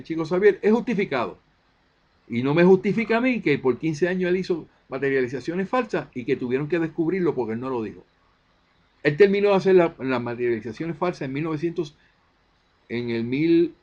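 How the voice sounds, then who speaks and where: A man's voice: on the high side, darkish tone, dull audio. A man giving an impassioned monologue as a spiritist video presenter, emphatic, posing rhetorical questions and answering them himself.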